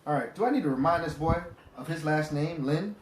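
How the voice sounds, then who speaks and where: A man's voice: a little high, fairly quick, slight background noise. A man co-hosting a casual basketball talk show, playful and fond of repeating phrases for emphasis. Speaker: co-host. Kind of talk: casual sports chat. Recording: echoey room, mic set back.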